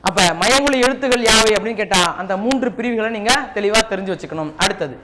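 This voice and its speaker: A man's voice: high voice, fast talker, a loud crowd. A man teaching a Tamil class with a Tamil Nadu accent, repeating key points and quizzing his students. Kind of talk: classroom lesson. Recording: noisy classroom recording.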